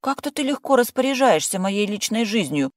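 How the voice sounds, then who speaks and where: A reader voicing a nervous young woman stuck behind her door, anxious and quick to snap back. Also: medium pitch, very animated, dry recording, clean studio sound, voice pushed up, natural voice. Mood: irritated. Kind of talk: audiobook character voice.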